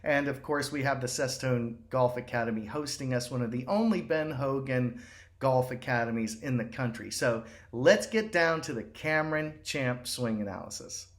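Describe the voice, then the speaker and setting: A middle-aged man who works as a golf instructor, giving excited swing-analysis commentary over video, rambling with many fillers and restarts. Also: medium pitch, normal speed.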